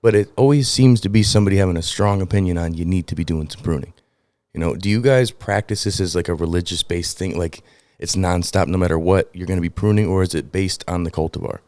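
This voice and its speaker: A man's voice: low voice, fast, a little mellow, no room sound. A man with a Midwestern American accent co-hosting a podcast, rambling and joking in casual chat. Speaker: podcast co-host.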